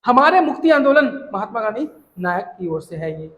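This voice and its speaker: A teacher explaining a textbook lesson line by line, reading English lines slowly and checking understanding. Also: medium pitch, very animated, fairly bright tone. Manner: explains with everyday examples, filler "है ना". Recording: roomy echo.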